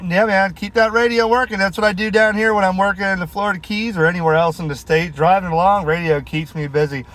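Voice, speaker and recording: Speaking quickly in a high, steady, slightly bright voice, a man acts as a friendly CB radio operator and video host from inside a vehicle, tossing out radio lingo and call signs. The mobile-radio recording is clear, though vehicle noise, radio static, and clicks sit in the background.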